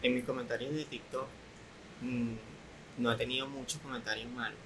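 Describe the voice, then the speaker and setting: A young man with a Venezuelan accent, a content creator guest, talking candidly in a relaxed, soft-spoken way. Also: medium pitch, moderate pace, background noise. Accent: Venezuelan Spanish. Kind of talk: casual podcast interview.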